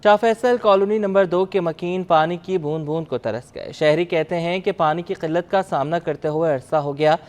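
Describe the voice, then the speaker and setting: A man reading a news bulletin as anchor, with brisk formal delivery. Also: a little high, darkish tone.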